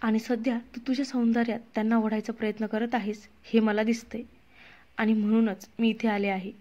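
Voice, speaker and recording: Jealous young woman, scornful and accusing, read by a woman narrator, fairly high voice, slightly dull recording. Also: steady tone, fairly quick, darkish tone, lightly acted. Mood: cold.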